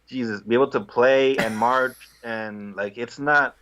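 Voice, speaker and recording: A man's voice: mid-range voice, fairly even intonation, takes it slowly, a bit bright. A young man from Guatemala, a musician guest on a video call, talking easily and laughing at himself. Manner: easygoing, laughs often, self-deprecating. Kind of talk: casual interview.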